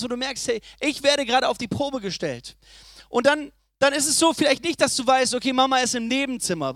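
A young man preaching a sermon, swinging between loud emphatic lines and soft, low asides. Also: dry recording, clean studio sound.

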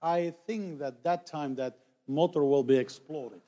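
A man's voice: a little high, mellow. Man preaching in short, plain phrases. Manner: short phrases, pausing for the interpreter, rising to calls to the congregation. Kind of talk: sermon testimony in English, interpreted line by line.

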